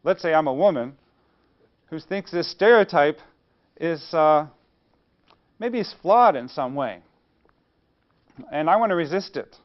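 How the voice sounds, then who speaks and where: A man's voice: a little high, animated, a little slow, long pauses, lo-fi sound. A man giving a university lecture on engineering, posing questions and answering them himself. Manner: rhetorical, poses questions then answers them.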